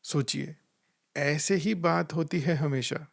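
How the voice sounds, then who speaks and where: Male spiritual speaker, gentle storyteller, voice a touch high, easy and unhurried. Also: steady tone, gravelly. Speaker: spiritual life coach. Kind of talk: calm reflective spiritual talk with anecdotes.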